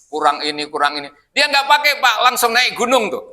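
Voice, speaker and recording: Mosque teacher, male, high sharp voice, chatty style that keeps quizzing the room. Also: big pitch swings, moderate pace. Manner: chatty, quizzes listeners as "Pak". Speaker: Islamic teacher leading a Quran study. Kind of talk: casual mosque study talk.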